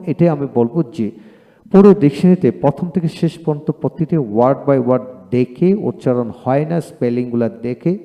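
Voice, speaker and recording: Man teaching in a dark, echoey room. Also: medium pitch. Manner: methodical, listing letter after letter with word counts. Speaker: English teacher. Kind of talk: instructional explanation. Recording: long hall reverb.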